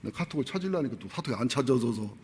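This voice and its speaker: A man's voice: mid-range voice, lively intonation, very fast, darkish tone, a little hiss or hum. A middle-aged male pastor giving a sermon, telling personal stories candidly and with humor, acting out the voices he quotes.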